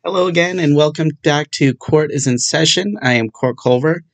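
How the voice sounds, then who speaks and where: On the solo podcast he hosts, a young man studying law discusses a legal topic with offhand humor, dry sarcasm, and jokes at his own expense. He speaks at a moderate pace in a fairly high voice.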